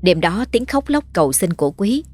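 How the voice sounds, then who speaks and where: Husky woman narrating a horror story. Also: mid-range voice, very animated, moderate pace, darkish tone. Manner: dramatic, vivid storytelling. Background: faint music.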